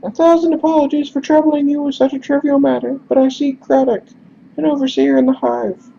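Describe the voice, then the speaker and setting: A squeaky overly polite messenger. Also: male voice, flat delivery, fairly quick, vocal fry, mellow, muffled recording, slight background noise. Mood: pleading courtesy. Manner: overly courteous, flowery. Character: high-voiced polite male messenger, anxious.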